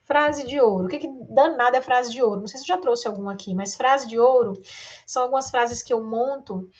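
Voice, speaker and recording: A woman's voice: a little high, fairly quick, darkish tone, muffled recording. A woman with a Brazilian accent teaching an exam-prep grammar lesson, stretching words out syllable by syllable and talking straight to her students with rhetorical questions. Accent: Brazilian Portuguese. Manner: addresses students directly, asks rhetorical questions.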